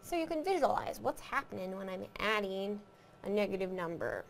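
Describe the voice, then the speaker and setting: A woman's voice: mid-range voice, big pitch swings, normal speed, creaky, slight background noise. A woman teaching a recorded math lesson, explaining step by step, counting aloud and asking the class questions.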